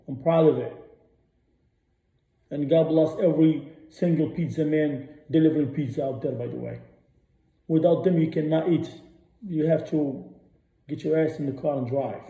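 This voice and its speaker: A man rants on a radio show, blunt and profane, and he hammers his points again and again. His voice is very dark and sits a little high. The room around him sounds echoey. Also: normal speed, long pauses. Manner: blunt, profane, repeats himself. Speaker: radio host. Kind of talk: ranting monologue.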